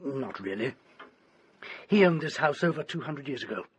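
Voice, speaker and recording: In a British radio drama, a male actor plays an English doctor who is agitated, desperate, and obsessed with an occult book. His medium-pitched voice has lively intonation at a moderate pace, lightly acted in a formal, dramatic manner that shifts between urgent pleading and grave, confiding storytelling. A faint hiss or hum runs underneath.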